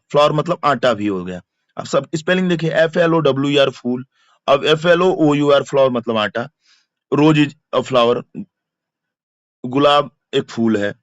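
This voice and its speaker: A man's voice: fairly high pitch, dry recording. Man, teacher, repeats words, dry, muffled lo-fi sound. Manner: explains word by word, repeating terms and asking for comments. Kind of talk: online exam-prep lesson.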